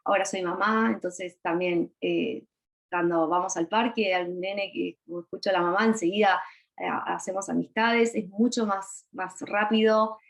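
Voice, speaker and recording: A woman's voice: medium pitch, fairly even intonation, moderate pace, creaky, low-quality recording. A woman in her thirties from Argentina with an Argentine Spanish accent, speaking as a panelist on a video call, shy and hesitant with many fillers. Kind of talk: virtual panel talk.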